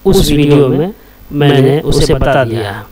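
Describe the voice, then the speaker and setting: A man teaching Arabic letters, repeating each sound patiently in a slow chanting cadence. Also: on the high side, a loud crowd. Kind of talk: slow recited lesson, drilling letter sounds.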